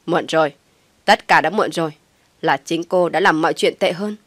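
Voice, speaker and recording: A woman voicing a cruel, sneering young father who taunts and threatens in a harsh, loud voice. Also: on the low side, fairly even intonation, quick pace, dry recording, close to an everyday voice. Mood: menacing.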